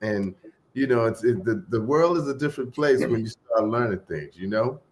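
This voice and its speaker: A man telling stories in a casual group chat, animated and acting out the people in them. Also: medium pitch, normal speed, slight background noise. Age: 20s. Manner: animated storyteller, acts out voices and quotes.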